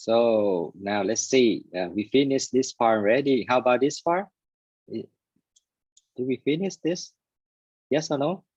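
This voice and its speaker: A man's voice: medium pitch, unhurried, long pauses, a little mellow, slightly rough, no room sound. A man teaching an English class online, drilling words and often checking with "right?". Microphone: computer microphone on a video call. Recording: dull lo-fi online call audio.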